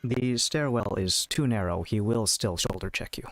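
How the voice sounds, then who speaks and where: A man narrating a tabletop game as game master, in a measured, descriptive way. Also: lowish voice.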